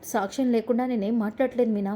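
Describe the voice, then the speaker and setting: A woman's voice: on the high side, fairly even intonation, quick pace, warm tone, close to an everyday voice. A woman voicing a scheming young daughter-in-law who speaks slyly and accuses others. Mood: accusing. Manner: sly, accusing.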